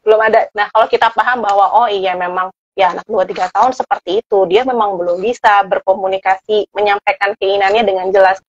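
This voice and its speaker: A woman explaining parenting advice in a relaxed interview, filling pauses with soft "eh" sounds and casual tag words. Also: medium pitch, no room sound. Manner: relaxed, full of "eh" fillers and "gitu" tags. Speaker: parenting expert guest. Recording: dull, dry lo-fi recording.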